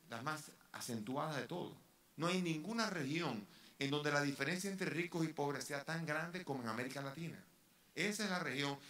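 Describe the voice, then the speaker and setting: Bishop preaching, earnest and questioning, bright forceful voice, echoey church room. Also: male voice, fairly high pitch. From Dominican Republic. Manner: earnest preaching with rhetorical questions and rising emphasis. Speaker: bishop giving a retreat talk. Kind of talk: sermon. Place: parish church.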